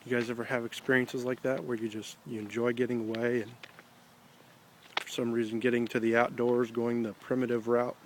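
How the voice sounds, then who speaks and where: An American man talking casually with a pipe in his mouth, rambling in a halting, reflective, unhurried way. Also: mid-range voice, level tone, low-quality recording. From Ohio, United States. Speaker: video blogger. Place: outdoors on an evening stroll. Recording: noticeable background noise, ambience.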